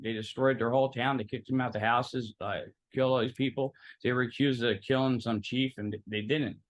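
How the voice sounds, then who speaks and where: A young Philadelphia man whose first language was Italian speaks as a guest in a casual interview conversation, telling stories in a loose, rambling way full of fillers. His voice sits at medium pitch and sounds a bit bright.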